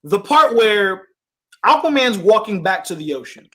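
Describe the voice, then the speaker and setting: A man's voice: high-pitched, big pitch swings, a little slow, fairly bright tone. A man co-hosting a casual podcast chat, ranting animatedly about films and acting out quoted lines. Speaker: podcast co-host.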